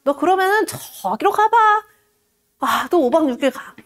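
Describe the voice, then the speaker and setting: A woman's voice: high voice, animated, moderate pace. A woman voicing a greedy fortune teller who brusquely demands payment.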